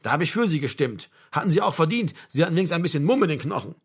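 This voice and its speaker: A man voicing a blunt, mocking old male doctor with a gruff, brusque manner. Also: on the high side, very animated, rapid-fire, full character voice. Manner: gruff, brusque, with a bleating laugh.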